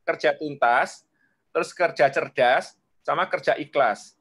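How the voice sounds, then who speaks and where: A man, guest leadership coach, explaining at length and acting out examples, often sinking to a soft low voice. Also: a little slow. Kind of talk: explaining in an online talk.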